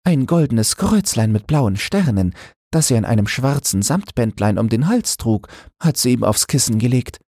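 A man's voice: mid-range voice, very animated, normal speed, a little mellow, dry recording, studio quality, voice pushed up. A man voicing a kindly, devout wife of a river boatman in a storybook reading. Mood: fond. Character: old woman, a boatman's wife, gentle and devout.

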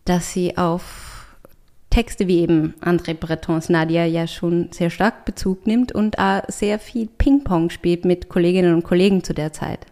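She is a writer and artist being interviewed in a reflective, conversational style, pausing often as she thoughtfully searches for the right words. Her voice leans low, with a steady, warm tone and a measured pace.

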